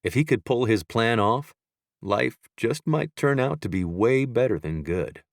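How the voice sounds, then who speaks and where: A man narrating a romance audiobook in a calm, measured way, recorded close in a booth. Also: mid-range voice, creaky, dry recording.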